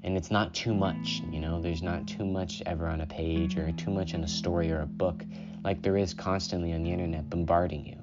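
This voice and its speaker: Hosting a solo self-care podcast, a man with a very low voice speaks calmly and unhurriedly, saying "you know" often. Clear guitar music plays in the background of the dull, lo-fi recording.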